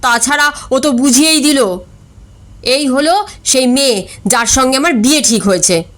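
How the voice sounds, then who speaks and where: A man's voice: very high voice, moderate pace, fairly bright tone. A woman reading a storybook voices an aggrieved, easily flustered middle-aged bachelor who complains indignantly and stammers when upset.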